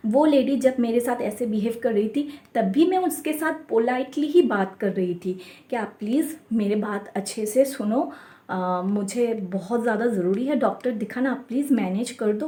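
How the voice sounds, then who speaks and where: A young woman talks straight to the camera in a casual vlog, her voice a little high but mellow. She sounds upset as she recounts a rude encounter and slips English words into her Hindi. The room around her echoes. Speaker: vlogger.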